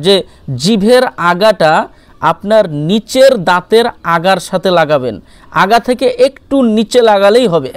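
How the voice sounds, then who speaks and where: A man's voice: sits high, clear, resonant tone, no echo. A man teaching Quran pronunciation, patiently repeating each letter sound several times.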